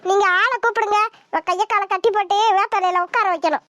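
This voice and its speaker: Cartoon granny, old and bossy, woman-voiced, very high squeaky voice, dry sound, nagging. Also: brisk, fairly bright tone, no echo. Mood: scolding. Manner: scolding, nagging, dramatic wailing. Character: bossy fussing old village grandmother.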